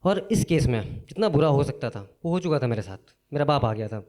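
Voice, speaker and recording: Mellow-voiced young male stand-up comic. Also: mid-range voice, a little fast. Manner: casual, animated, acts out characters' lines. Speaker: stand-up comedian. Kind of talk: stand-up storytelling. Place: live comedy stage.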